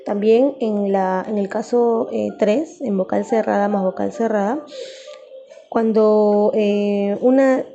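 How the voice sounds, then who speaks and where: A woman teacher giving a recorded grammar lesson, patient and repeating key terms slowly for her students. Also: medium pitch, mellow, highs cut off.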